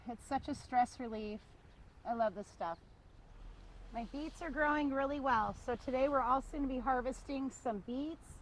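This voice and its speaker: A woman's voice: fairly high pitch, slight background noise, low-quality recording. Upbeat woman on a garden tour. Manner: chatty, enthusiastic, laughs often. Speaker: small farmer giving a garden tour. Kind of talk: casual show-and-tell narration. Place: outdoors in a vegetable garden.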